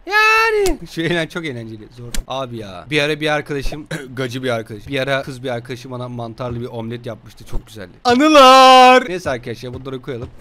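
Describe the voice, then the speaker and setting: A young man giving joking, casual let's-play commentary, scolding and teasing a game baby with rough slang. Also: medium pitch, fast, a crowd in the background. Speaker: gaming streamer.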